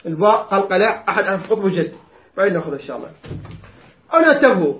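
A man teaching a Quran recitation lesson, chanting verses slowly and quizzing his students. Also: sits high, big pitch swings. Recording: roomy, dull lo-fi recording.

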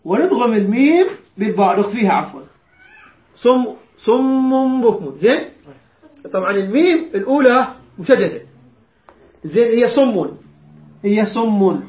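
High-voiced man teaching Quran recitation. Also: lively intonation. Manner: chants verses slowly, quizzes students. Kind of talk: tajweed lesson with recitation. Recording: roomy, dull lo-fi recording.

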